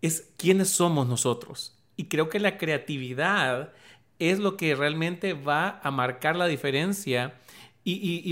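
Male podcast host, slightly high voice, measured questions. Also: a bit bright. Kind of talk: casual interview talk.

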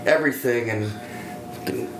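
A man co-hosting a casual podcast, joking and quick to cut in. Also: mid-range voice, a bit bright, soft background music. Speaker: podcast co-host. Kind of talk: casual chat. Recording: echoey room with faint noise.

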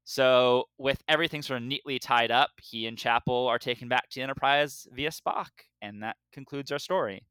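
A man's voice: medium pitch, normal speed, hardly any pauses, smooth, no echo. A man co-hosting a casual podcast, joking dryly and recapping a story. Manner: dry joking, relaxed storytelling. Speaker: podcast co-host.

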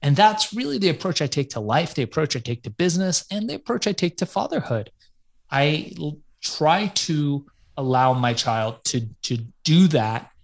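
A man's voice: fairly high pitch, big pitch swings, moderate pace, vocal fry. A man from Iran, a guest on an interview, talking in a reflective, casual way and swearing now and then. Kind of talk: podcast interview.

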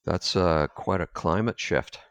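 A man hosting a podcast, reading a scripted intro and then chatting with his guest in a measured way. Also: deep voice, a bit bright, dry recording. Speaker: podcast host.

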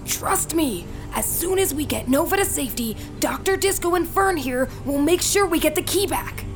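A determined young leader in a cartoon rallies over music. The voice is high, earnest and decisive. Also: female voice, animated, normal speed. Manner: rallying, decisive. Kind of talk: animated cartoon character acting.

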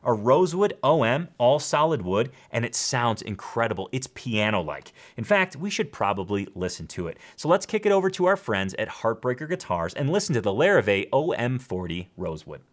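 A man's voice: mid-range voice, sing-song, a little fast, few pauses. A man with an American accent hosting a show in an emphatic, enthusiastic top ten countdown style. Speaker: guitar show host.

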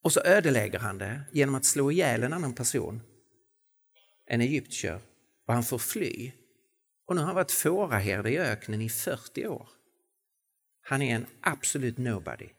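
A man's voice: mid-range voice, animated. Man preaching in a reverberant hall. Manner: dramatic swings from soft to emphatic, slow stressed phrases. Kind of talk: sermon.

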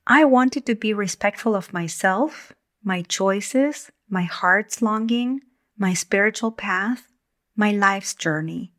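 With a mid-range voice, a woman from Argentina reads a scripted monologue on her podcast. She's a communication coach, and her delivery is gentle, steady and unhurried in feel.

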